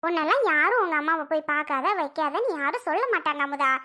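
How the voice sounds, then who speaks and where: Woman voicing a reassuring young friend, very high bright voice, coaxing, cartoon. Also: lively intonation, quick pace. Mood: soothing. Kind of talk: cartoon voice acting.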